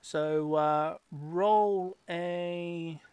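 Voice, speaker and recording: A woman's voice: lowish voice, fairly even intonation, drawn-out words, a little mellow. A woman running a tabletop game as game master, casually narrating and explaining rules.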